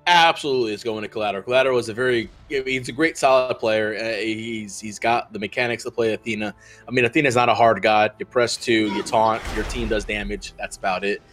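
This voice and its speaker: A man's voice: on the low side, fairly even intonation, fairly quick, a bit bright, soft background music. A man casting a video game match, talking through picks with lots of fillers and restarts. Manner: rambling, filler-heavy analysis. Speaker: esports caster. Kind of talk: esports casting commentary.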